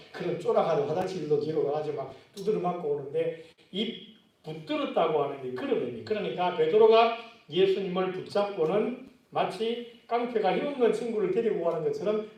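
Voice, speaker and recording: High-voiced pastor in an echoey church. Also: male voice, darkish tone. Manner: conversational preaching with questions to the congregation. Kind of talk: sermon. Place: church sanctuary. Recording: very echoey church, mic far off.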